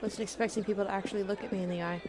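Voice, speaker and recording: Talking very fast in a medium pitch with fairly even intonation, a woman streams a game and comments casually to herself. She pokes fun at herself and occasionally gropes for words, while game music, sounds, and background noise fill the recording.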